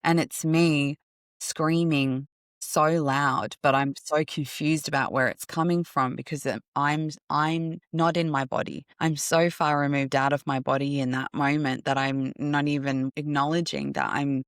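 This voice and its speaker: A woman hosting a podcast, telling a personal story in a candid, reflective way and often pausing to search for words. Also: deep voice, steady tone, clear, resonant tone, no echo, studio quality. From Australia. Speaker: podcast host.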